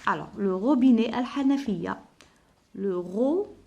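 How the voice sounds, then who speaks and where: Slow-spoken teacher. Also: female voice, fairly high pitch, expressive, creaky, darkish tone, dull audio. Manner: spells out letters and sounds, repeats words slowly; mixes in Arabic words to explain vocabulary. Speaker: primary school teacher. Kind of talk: slow classroom lesson explanation.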